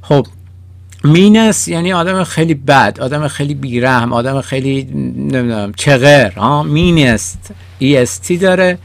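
Male teacher, gravelly, dry close sound; walks through song lyrics slowly and patiently. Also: mid-range voice, no echo. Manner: explains slowly, repeats lyrics word by word. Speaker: English teacher. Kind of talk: song-based language lesson.

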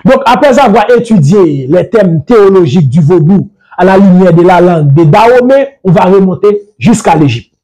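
A man giving a spoken lecture in a methodical, didactic way. He links his points one after another and slowly spells out lists of words. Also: high-pitched, lively intonation, dark tone, rough recording. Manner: methodical and didactic, strings points together with frequent "donc"; slow deliberate spelling-out of word lists. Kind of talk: spoken lecture on language and religion.

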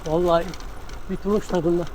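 A man's voice: high-pitched, flat delivery, fairly quick, darkish tone, slight background noise. A man on a bicycle, chatting to viewers about the road as he climbs, a bit out of breath. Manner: chatty, talks to viewers and to a dog while riding. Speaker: cyclist vlogger. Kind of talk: casual narration while cycling. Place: outdoors on a country road.

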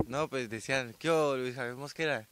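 A sixteen-year-old young man from Colombia, a weightlifter answering interview questions outdoors into a handheld mic, soft-spoken and modest. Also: medium pitch, brisk, slight background noise. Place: outdoors by a sports ground. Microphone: handheld reporter mic.

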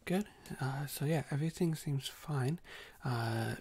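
Soft-spoken man in whispered role-play. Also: medium pitch, breathy edge. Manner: soft-spoken, slow and gentle, with frequent hesitant fillers. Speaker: doctor giving a cranial nerve exam.

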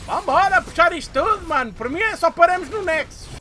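A young man with a European Portuguese accent giving live gameplay commentary, excitable and swearing, with shouting outbursts. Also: extremely high pitch, brisk. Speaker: gamer.

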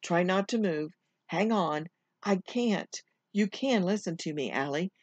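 A calm, soothing man, as a reader puts him on. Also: medium pitch, unhurried, breathy edge, dry recording, lo-fi sound.

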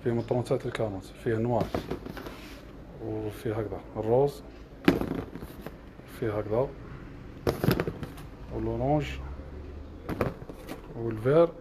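A man's voice: medium pitch, fairly even intonation, moderate pace, pauses often, heavy background noise. A man with an Algerian Arabic accent showing shoes in his shop, rattling off prices, sizes and colors in a list. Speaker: shop seller. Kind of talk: product showcase livestream. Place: shoe shop.

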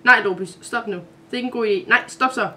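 Give me a frightened girl shouting pleas, read by a woman storyteller. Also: fairly high pitch. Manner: pleading, shouting.

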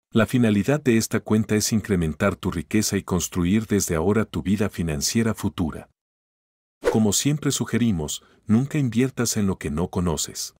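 Male voice-over, very low pitch, husky tone, steady instructive delivery, close dry mic. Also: dry recording. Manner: steady, instructive, advising the listener directly. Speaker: narrator of a finance channel. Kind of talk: scripted voice-over narration.

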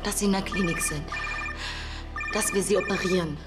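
A woman's voice: medium pitch, fairly even intonation, moderate pace, roomy sound, loud music behind the voice, lightly acted. An actress playing a desperate, insistent mother in a television drama. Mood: urgent, desperate. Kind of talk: TV drama acting.

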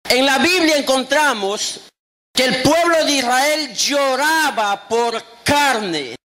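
Man, pastor, sermon, very high voice, slow delivery, emphatic. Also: expressive. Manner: emphatic preaching, acting out quotes and rising to shouts.

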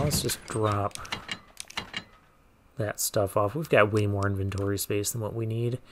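A man's voice: lowish voice, background noise. A man giving casual let's play commentary on a video game, thinking aloud with muttered asides as he goes. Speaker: gaming let's play host.

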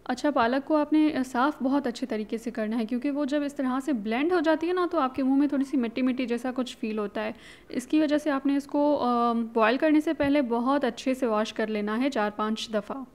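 Talking fairly quickly in a high voice with a darkish tone, a woman hosts her own cooking channel. She casually takes viewers through a recipe step by step in a chatty, instructive way, sprinkling English words into her speech.

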